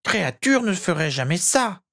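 A woman voicing an old male house-elf servant, anxious and devoted, with a creaky, grating voice who refers to himself in the third person and pleads with his master. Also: fairly high pitch, animated, moderate pace, lightly acted. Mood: urgent. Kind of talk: amateur audiobook character voice.

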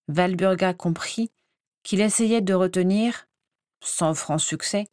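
A woman reads a story aloud in a measured, expressive manner. Her voice sits low. The recording is dry, with no room sound. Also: dry recording. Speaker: reader. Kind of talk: audiobook narration.

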